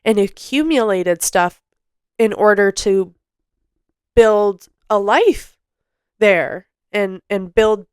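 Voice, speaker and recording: A young woman podcaster tells a personal story slowly and haltingly, often restarting her sentences as emotion rises. Her voice comes through smooth and clear, recorded close and dry with no room sound. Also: mid-range voice, darkish tone, dry recording. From Canada. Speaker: podcast host.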